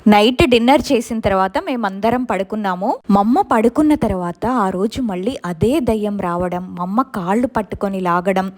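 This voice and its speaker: A woman's voice: medium pitch, moderate pace, hardly any pauses. A woman steadily telling a true ghost story in the first person.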